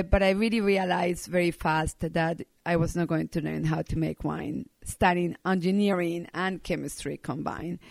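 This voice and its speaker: A woman's voice: on the low side, creaky, dry recording. A middle-aged woman from Colombia, a native Spanish speaker, talking earnestly as an interview guest, with many ums and uhs. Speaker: winemaker guest. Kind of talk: casual interview talk.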